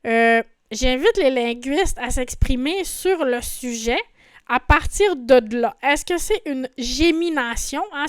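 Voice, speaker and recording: Woman, lesson, slow and patient, high clear voice, dry close sound. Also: dry recording. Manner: patient, repeats words, frequent "hein". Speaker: French teacher.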